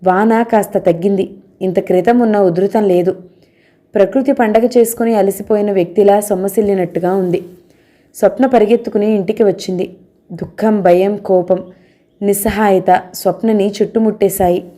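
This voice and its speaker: Mellow-voiced woman reading a novel. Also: medium pitch. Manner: steady, measured storytelling. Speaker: audio novel narrator. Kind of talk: scripted novel narration.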